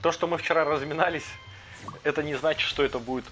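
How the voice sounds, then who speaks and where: A man chats casually while playing a game and commenting on his own matches, with fighting game music behind him. His voice is fairly high, a bit bright, and fast with fairly even intonation, and the recording is rough.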